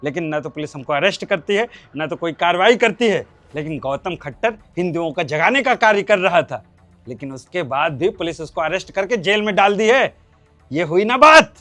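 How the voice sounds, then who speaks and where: An actor playing a hardline cleric father who rants and schemes, with forceful preachy delivery. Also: sits high, expressive, fairly quick, soft background music. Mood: gloating. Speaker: actor in a short drama. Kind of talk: Hindi short-film acting.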